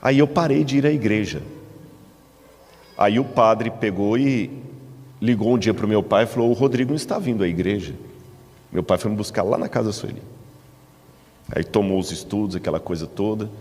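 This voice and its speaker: A man with a Brazilian Portuguese accent, a preacher telling his testimony from the pulpit as a lively storyteller. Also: lowish voice, normal speed, pauses often, in a large hall. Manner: lively storyteller, acts out dialogue in raised voices. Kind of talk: sermon testimony. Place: church in the United States.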